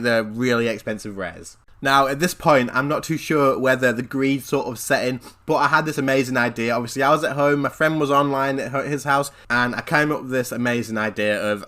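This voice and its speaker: A man recounts a gaming mishap for his vlog, with a bright, forward tone that cuts through. He rambles excitedly, doubling back and repeating phrases as he goes. The sound is a plain close-mic desk recording. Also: medium pitch. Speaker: gaming channel host. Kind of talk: story time vlog narration.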